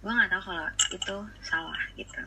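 A woman's voice: on the low side, fairly quick. A young woman telling a personal story casually and hesitantly over a phone call, mixing in English phrases. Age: young adult. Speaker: podcast guest on a phone call. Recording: phone call with clear background noise.

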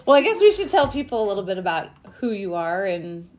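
A woman's voice: medium pitch, big pitch swings, fast, a little mellow. A woman hosting a casual interview chat, gushing and giggly. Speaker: host.

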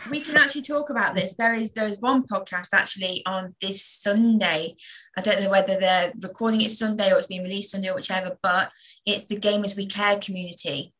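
Woman, English accent, bright and crisp-edged, medium pitch, casual podcast co-host. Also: steady tone, brisk, poor audio. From England. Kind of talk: casual chat.

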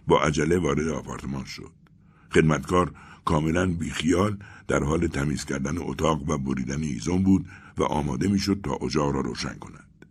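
A man narrating a literary story in a measured, grave, dramatic reading style. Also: rumbling low, breathy edge. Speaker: audiobook narrator.

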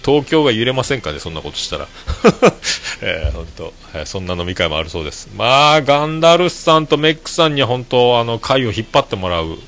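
A man with a hoarse voice, hosting his own show and chatting casually to listeners with many fillers and chuckles. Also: mid-range voice, sing-song, a little fast, a bit bright. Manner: rambling, many fillers, laughs at own jokes. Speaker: podcast host. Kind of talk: casual solo chat to listeners.

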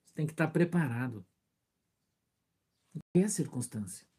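A man's voice: a little high, lively intonation, normal speed, warm tone, slightly rough. A male pastor preaching a sermon, acting out little scenes, asking rhetorical questions and greeting members of the congregation by name. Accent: Brazilian Portuguese.

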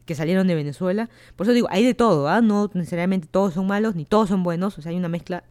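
A woman's voice: on the low side, fast talker, a little mellow. A woman with a Peruvian accent, hosting a podcast and chatting in an opinionated, rambling way with plenty of asides. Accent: Peruvian Spanish. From Peru. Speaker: podcast host. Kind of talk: casual solo commentary. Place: home in Miami.

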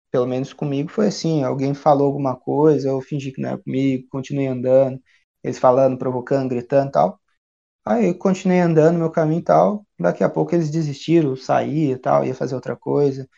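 A man from Brazil, chatting casually as a guest, with a relaxed, rambling way of telling stories. The recording sounds dull and lo-fi. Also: a little high, vocal fry. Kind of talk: casual chat.

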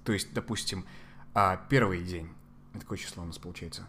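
A man giving conversational psychological advice as a podcast guest, sometimes halting to search for Russian words. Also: sits low, sharp tone, a little hiss or hum.

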